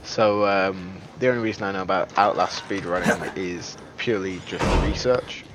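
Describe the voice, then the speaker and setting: A man's voice: deep voice, steady tone, normal speed, heavy background noise. A man giving casual, joking gameplay commentary as a streamer, chatty and self-deprecating with lots of fillers. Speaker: game streamer.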